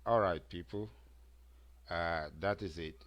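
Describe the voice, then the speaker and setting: A man hosting a talk show, giving casual commentary at an unhurried pace with lots of fillers. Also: sits low, highs cut off, heavy background noise. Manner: slow, filler-heavy, rising emphasis. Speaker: host.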